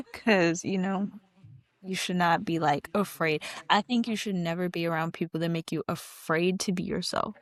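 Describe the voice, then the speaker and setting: A woman's voice: lowish voice, very animated, measured pace. A young woman co-hosting a casual podcast, blunt and reading out listener stories. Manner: blunt, reads listener submissions aloud. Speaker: podcast co-host. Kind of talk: casual chat.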